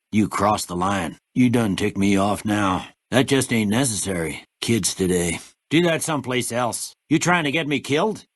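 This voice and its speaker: An actor playing a kindly, stubborn old frontier town doctor in a video game, with a husky voice and a folksy drawl. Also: male voice, fairly low pitch, dry recording. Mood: alarmed, scolding, then grumbling. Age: older. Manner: folksy, plain-spoken drawl. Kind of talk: video game character dialogue.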